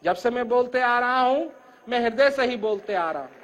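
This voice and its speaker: An older man giving an emphatic spiritual discourse, speaking loudly and from the heart, his voice rising and falling. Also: lively intonation, moderate pace, lo-fi sound, slight background noise. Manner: rises and falls in pitch and loudness. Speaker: spiritual teacher.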